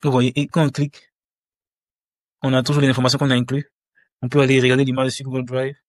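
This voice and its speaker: A man's voice: medium pitch, monotone, quick pace, no echo, clean studio sound. A man teaching a language lesson over a screen-share tutorial, hesitant, with many fillers and restarts.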